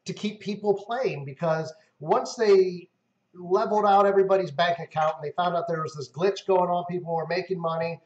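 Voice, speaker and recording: Man, high voice, chatty live-stream host, rambling with fillers, roomy dull audio. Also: fairly even intonation, normal speed, darkish tone. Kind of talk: casual gaming chat.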